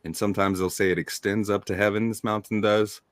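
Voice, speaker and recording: A man hosting a casual panel discussion, relaxed and thinking aloud between chuckles. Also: on the low side, a little fast, no echo. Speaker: host.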